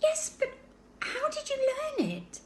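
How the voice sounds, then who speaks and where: A woman's voice: extremely high pitch, wildly swooping pitch, slow, echoey room, a little hiss or hum, pitched above the performer's own voice, heavily acted. A woman reading a children's book aloud, voicing a curious, eager young girl who asks question after question. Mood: wondering. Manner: wondering, questioning.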